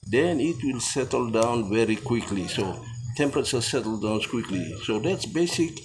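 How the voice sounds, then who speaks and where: A man with a Papua New Guinean accent giving an informal technical lesson, mixing Tok Pisin pidgin into his English in short, halting phrases. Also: medium pitch, animated, background noise. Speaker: instructor.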